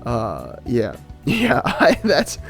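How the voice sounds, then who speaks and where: A man co-hosting a podcast in casual chat, excited and rambling with many fillers and restarts. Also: mid-range voice, drawn-out words, creaky, faint music behind. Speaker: podcast co-host.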